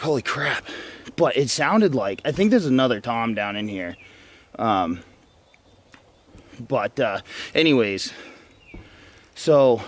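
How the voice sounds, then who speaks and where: A slightly out-of-breath man talks outdoors near a field and the edge of the woods, his pitch sitting in an ordinary middle range. He tells the story in an excited, rambling way with lots of ums and restarts, like an outdoor vlogger recapping the moment. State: a little out of breath. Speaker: hunting vlogger.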